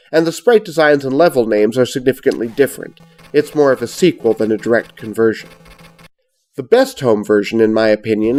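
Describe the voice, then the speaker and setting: A middle-aged man, giving scripted, measured and precise review narration as host of a retro gaming show. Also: medium pitch, a little mellow, rough recording.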